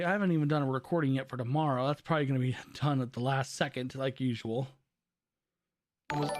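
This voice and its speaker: A high-voiced live streamer, his voice worn from overuse and fading, rambles casually through his gameplay commentary and often fixes what he's just said. No room sound is heard.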